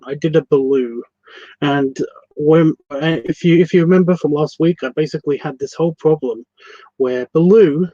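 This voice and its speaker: A man's voice: fairly high pitch, darkish tone, no echo. A man with a Scottish accent hosting a casual livestream art tutorial from his computer, rambling, correcting himself and swearing casually. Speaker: art class host. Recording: dry, slightly muffled lo-fi sound.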